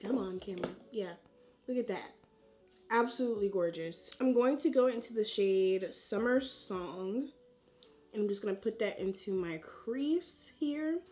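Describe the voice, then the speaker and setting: A woman's voice: mid-range voice, unhurried, a little mellow, soft background music. Casual, chatty woman doing a makeup tutorial. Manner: informal and slangy, talking to viewers like friends while applying makeup. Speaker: beauty vlogger.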